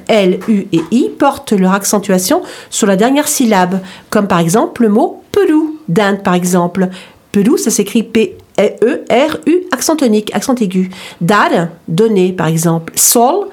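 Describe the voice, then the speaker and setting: A woman's voice: medium pitch, a little mellow. A woman co-hosting a radio show, patiently explaining pronunciation rules and spelling words out letter by letter. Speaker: radio co-host. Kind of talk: language lesson chat on radio.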